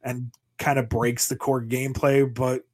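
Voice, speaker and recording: A man's voice: mid-range voice, flat delivery, unhurried, a little mellow. A man in casual podcast chat, playfully riffing on comic scenarios as a co-host.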